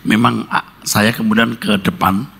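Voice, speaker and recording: A man preaching a sermon as a pastor, telling personal stories in an animated way with jokes and sound effects. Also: fairly low pitch, unhurried, vocal fry, husky, big-room sound.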